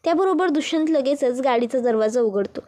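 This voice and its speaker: A woman narrating a serial episode recap as a lively story. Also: sits high, brisk.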